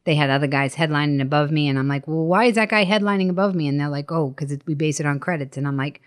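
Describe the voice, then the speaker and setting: Talking fast in a low voice, this middle-aged woman is a stand-up comic guesting on a podcast interview, where she spins lively stories. Blunt and emphatic, she curses freely and performs the quoted lines.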